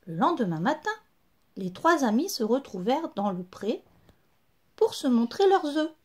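A woman storyteller reading a children's story aloud in an unhurried, expressive way. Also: high-pitched, husky.

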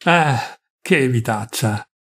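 A man's voice: medium pitch, expressive, takes it slowly, fairly bright tone. A man voicing a gloomy, irritable grey-bearded farm owner who grumbles curtly in a story reading. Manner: grumbling, curt.

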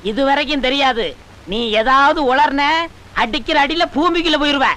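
An actor playing a scheming former convict who boasts and threatens while plotting to become a guru, in a film comedy. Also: male voice, very high voice, normal speed, sharp tone, low-quality recording.

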